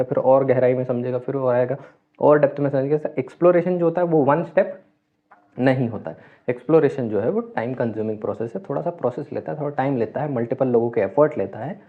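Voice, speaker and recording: A man teaching a chemistry lecture, explaining step by step, asking and answering his own questions, and mixing English terms into his talk. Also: mid-range voice. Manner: mixes English terms into speech. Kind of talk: classroom lecture. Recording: tinny phone-like sound.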